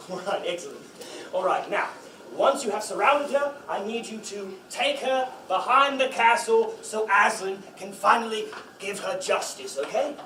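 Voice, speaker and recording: A man's voice: sits high, expressive, measured pace, bright, forceful tone, a little hiss or hum. Upbeat man coaxing audience volunteers. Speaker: actor leading audience volunteers. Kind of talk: audience participation in a children's play. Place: library event room. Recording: echoey room from far off.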